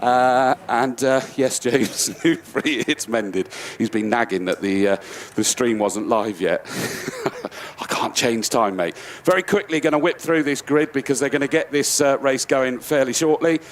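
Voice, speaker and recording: A man commentating live on a motor race, chatty and excitable with lots of fillers, out of breath at first. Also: mid-range voice, a little slow, slight background noise. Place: commentary box at a race circuit.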